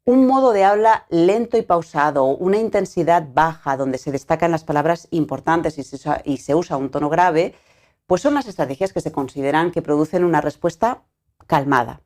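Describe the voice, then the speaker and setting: A woman presents her research at an academic conference, her voice sitting notably low. She walks through each finding in a steady, explanatory manner, with small filler words smoothing the way between points. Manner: measured, explanatory delivery with frequent "pues" fillers.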